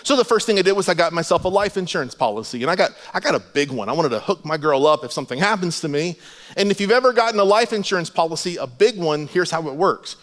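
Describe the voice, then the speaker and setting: Storytelling pastor with a high voice. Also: male voice, expressive, fast talker, big-room sound. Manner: humorous, conversational, acts out dialogue. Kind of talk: sermon with personal storytelling. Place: church sanctuary.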